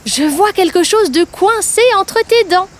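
A woman's voice: very high voice, lively intonation, unhurried, voice pushed up. A woman voicing a small, helpful male bird in a chirpy manner for a children's storybook. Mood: calling out.

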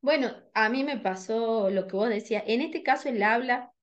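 On a muffled recording, a woman co-hosts a radio podcast in casual conversation, speaking Tucumán Argentine Spanish at a normal pace. Her manner is sincere and reflective, and she describes her own voice as high-pitched.

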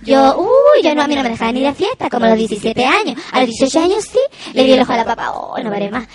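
A woman hosts a comedy stream and reads chat in an improvised character: a brash, unfiltered young cousin who works in retail. She speaks with a Chilean Spanish accent, using crude slang in a shrill, loud, laughing voice, very animated and fast, with a crowd audible behind her.

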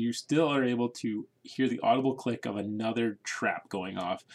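A man narrating as game master in a casual, halting way, with restarts. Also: mid-range voice, gravelly, noisy background.

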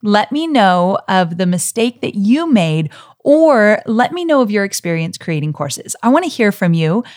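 In a sing-song, mid-range voice at normal speed, a middle-aged woman hosts a solo podcast teaching talk. She stays warm and encouraging, addressing her listeners directly and in a friendly way.

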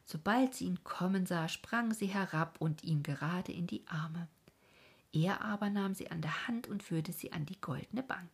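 Soft-voiced woman reading a fairy tale. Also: fairly low pitch, normal speed, creaky, slightly rough. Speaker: narrator.

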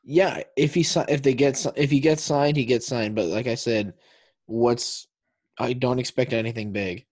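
A man's voice: mid-range voice, normal speed, a little mellow, no room sound. A young man co-hosting a casual sports podcast, talking in a hesitant, doubtful way. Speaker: podcast co-host.

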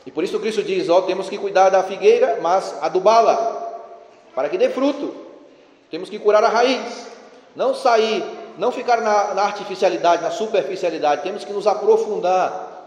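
A man's voice: high-pitched, moderate pace, a little mellow. A priest giving a sermon in a conversational, ironic way, urging his congregation. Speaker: parish priest. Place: church. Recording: echoey church with long reverb.

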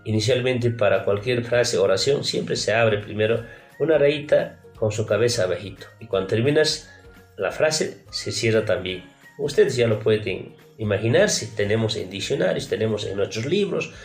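A male teacher speaks in a formal, patient classroom manner and keeps addressing his pupils directly. His pitch rises and falls animatedly as he poses rhetorical questions. The recording has a noticeable roomy echo with faint music underneath. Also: darkish tone.

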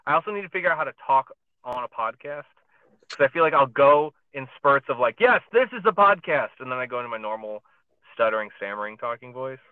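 A man's voice: medium pitch, fairly even intonation, fast talker, clean tone, dry recording. A man co-hosting a podcast from his parked car, chatting casually and rambling with lots of fillers and restarts. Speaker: podcast co-host. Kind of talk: casual chat. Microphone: phone over a podcast app. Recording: tinny phone-line sound.

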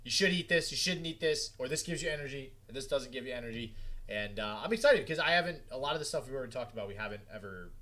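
A man's voice: medium pitch, animated, quick pace, fairly bright tone. A man co-hosting a casual podcast, jokey and enthusiastic, teasing his co-host.

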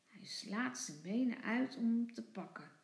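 A woman teacher reading a children's storybook aloud in an expressive, sing-song way. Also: fairly high pitch, a little slow, vocal fry, reverberant.

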